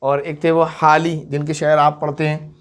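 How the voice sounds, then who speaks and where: A man teaching how Urdu letters join, spelling them out slowly and patiently, letter by letter. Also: fairly high pitch, little pitch movement. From India. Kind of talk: step-by-step script lesson.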